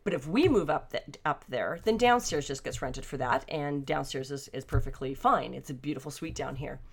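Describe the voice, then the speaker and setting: A woman's voice: low-pitched, moderate pace, husky. An older woman talking candidly and conversationally to camera at home, thinking aloud about her life. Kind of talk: personal reflective monologue. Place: basement suite at home.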